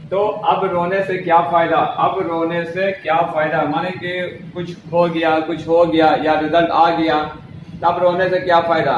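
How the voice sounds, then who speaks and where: Man teaching English slowly, echoey room. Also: fairly high pitch. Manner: repeats sentences slowly, switching between Hindi and English. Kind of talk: spoken English lesson. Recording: echoey room with faint noise.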